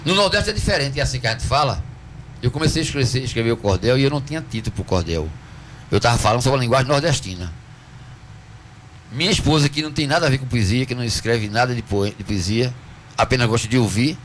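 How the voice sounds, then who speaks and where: In a radio interview, a cordel poet from Northeastern Brazil talks at length in a mid-pitched, slightly bright voice with lively intonation. Patient and teacherly, he earnestly stretches out words to bring out their syllables and rhythm, while a faint hiss lies under the studio recording.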